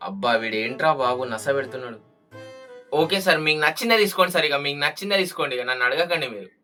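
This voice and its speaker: A man's voice: on the high side, racing, bright, forceful tone, faint music behind. A man playing an exasperated young male shop salesman in a comedy skit, speaking, pleading and muttering annoyed asides.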